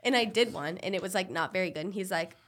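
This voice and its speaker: A woman hosting a podcast, telling stories in an animated way, swearing casually and laughing often. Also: lowish voice, fast talker. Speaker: podcast host. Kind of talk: casual chat.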